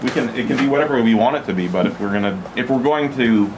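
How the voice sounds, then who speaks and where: A man's voice: mid-range voice, fast, noisy background. A man giving his opinions in an analytical, emphatic way in a discussion. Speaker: video creator, show regular. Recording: background music under the voice.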